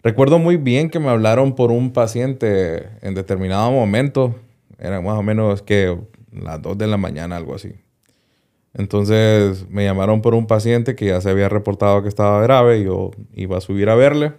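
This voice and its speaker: A man with a low voice and a dark, mellow tone recounts a personal story as an interview guest. He is a doctor who hesitates as he talks and keeps repeating small words before finding the next phrase. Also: normal speed.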